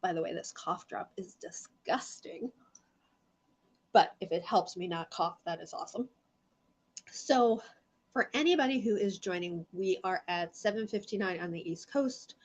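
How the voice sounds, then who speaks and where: A woman's voice: fairly low pitch, unhurried. Chatty woman with allergy cough. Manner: rambling, chatty, greets viewers by name. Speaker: host of a live online gem and mineral show. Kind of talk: casual live-stream chat.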